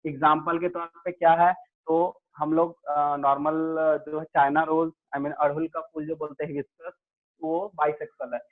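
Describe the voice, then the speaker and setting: Guy teaching biology online, mix, kinda high voice, sounds like a phone line, keeps asking the class questions. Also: level tone, moderate pace. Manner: explains in Hindi-English mix, quizzes students, repeats "ठीक है".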